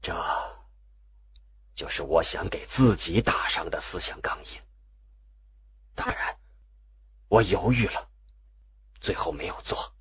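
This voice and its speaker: A man playing a husky, scornful scientist. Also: deep voice, lively intonation, takes it slowly, long pauses, dull audio, voice pushed down, heavily acted. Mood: confiding.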